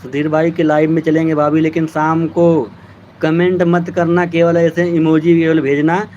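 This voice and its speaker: A man with a fairly high voice chats casually on a live stream. He teases his viewers and thanks them by name. The phone audio sounds dull and lo-fi, with faint vehicle noise in the background. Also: monotone, moderate pace, darkish tone.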